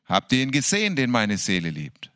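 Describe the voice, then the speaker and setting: A man in a worship service reading scripture with fervour, slowly drawing out his words and breaking into hallelujahs and laughter. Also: medium pitch, wildly swooping pitch, sharp tone, no room sound, studio quality. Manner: fervent, exclaiming hallelujahs, laughing between verses; slow, drawn-out delivery. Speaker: worship leader.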